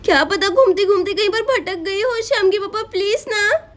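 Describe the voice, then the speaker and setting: A woman's voice: very high-pitched, normal speed, a bit bright. A woman voicing a distraught young village wife who is pleading and close to tears in a cartoon story. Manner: pleading, tearful.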